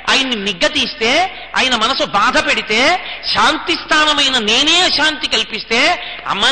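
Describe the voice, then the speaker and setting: A man's voice: extremely high pitch, pushed and bright, full character voice. A man voicing a devoted young princess wife who reasons earnestly with her mother-in-law, with long hall reverb.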